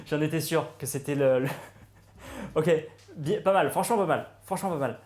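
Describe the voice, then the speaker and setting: A man chatting excitedly with viewers while he cooks live, greeting and thanking them as he goes. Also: fairly high pitch, moderate pace. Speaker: cooking streamer. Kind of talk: live-streamed cooking chat.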